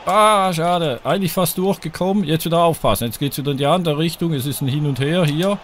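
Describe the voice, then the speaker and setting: A man's voice: a little high, a little fast, a bit bright, slight background noise. A man commenting live on his own football video game, cheering and groaning at each chance and talking to his viewers. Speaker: gaming YouTuber playing a football video game. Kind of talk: live let's-play commentary.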